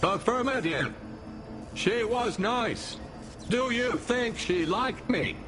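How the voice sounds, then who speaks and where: An actress voicing a small, eager toy-like robot in a video game, speaking in stilted, literal phrases with naive pride. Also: female voice, a little high, lively intonation, slow. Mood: naive, hopeful. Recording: music behind the voice.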